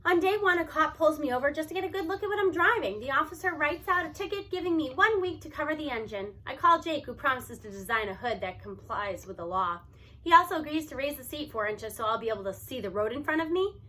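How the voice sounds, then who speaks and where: A woman reads a first-person story aloud at a quick pace, her voice high-pitched. She narrates expressively, with animated delivery and emphatic stresses.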